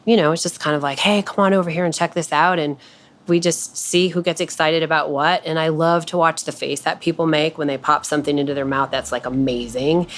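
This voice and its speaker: A woman's voice: low-pitched, fairly even intonation, a little fast. A woman fair food vendor telling chatty, upbeat stories about selling pies at the fair. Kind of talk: casual storytelling.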